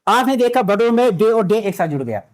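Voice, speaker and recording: Patient, high-voiced male Urdu teacher. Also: very animated. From India. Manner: patient, repetitive, spells out letters slowly. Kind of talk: classroom lecture.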